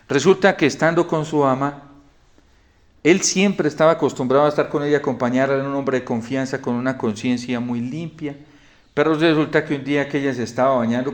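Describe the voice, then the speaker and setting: A male priest preaching a homily in a storytelling manner, often falling to a quiet hush. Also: mid-range voice. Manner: storytelling, drops to a soft hush in quoted lines.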